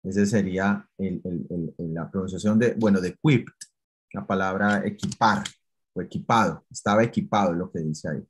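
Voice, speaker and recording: A man's voice: low-pitched, normal speed, husky. A man teaching English to Spanish speakers in an online class, explaining patiently, step by step, with many fillers.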